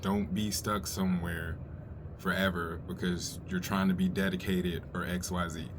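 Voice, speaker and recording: A man's voice: deep voice, flat delivery, moderate pace. A middle-aged man, an experienced chef, giving blunt, informal advice in a casual, sweary, unscripted rant. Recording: clear ambient background noise.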